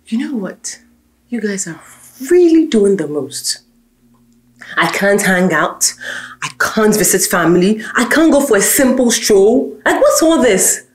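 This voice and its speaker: Restless young wife, animated mid-range voice. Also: female voice, mid-range voice, measured pace. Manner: restless, questioning, with a wide-ranging voice. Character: confused young wife recovering after an accident.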